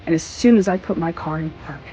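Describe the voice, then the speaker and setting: A woman from Missouri telling a personal faith testimony in an emphatic, conversational way with dramatic pauses. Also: deep voice, mellow, soft background music, low-quality recording. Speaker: storyteller sharing a faith testimony.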